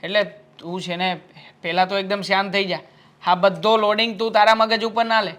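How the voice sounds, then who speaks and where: A calm, placating husband. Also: male voice, high voice, normal speed, smooth, dull audio. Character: patient husband caught between wife and mother.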